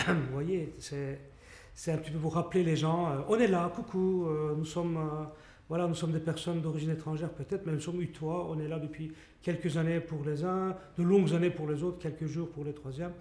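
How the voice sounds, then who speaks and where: Measured man in an echoey room. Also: a little high, steady tone, a little mellow. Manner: measured, poses rhetorical questions. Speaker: project spokesman. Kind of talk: explaining a project in an interview.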